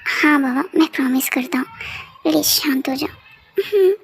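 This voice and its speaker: A woman voicing a young male mafia boss who calms his frightened wife. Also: sits high, normal speed, gravelly. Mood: hushed. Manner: soothing, firm, often hushed.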